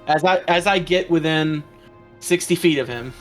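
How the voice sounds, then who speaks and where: A man's voice: a little high, normal speed, faint music behind. A man chatting casually as a player at a tabletop game, rambling with lots of ums and restarts.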